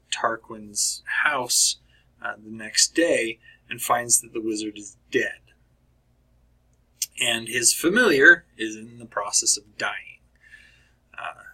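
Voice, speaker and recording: Man, slow and halting, bright tone; casual book review, frequent throat-clearing. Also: medium pitch, poor audio. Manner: halting, many fillers and restarts.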